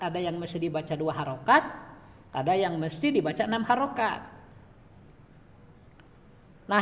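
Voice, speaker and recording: A man giving a one-on-one Quran reading lesson, patient and repetitive, often checking in with his student. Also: high-pitched. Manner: patient, repeats each point and keeps addressing the student. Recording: reverberant room.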